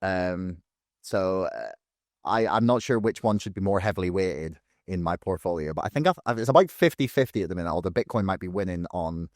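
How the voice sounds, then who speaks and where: A man's voice: low-pitched, animated, brisk, no echo, clean studio sound. A man hosting a podcast, talking in an earnest, reflective way in casual conversation. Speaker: podcast host.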